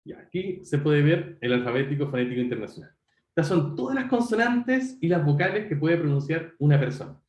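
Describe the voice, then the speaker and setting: His voice sits on the high side with a darkish tone, animated and a little fast, and the room sounds spacious. The man is lecturing online to university students, addressing them conversationally and correcting himself as he talks.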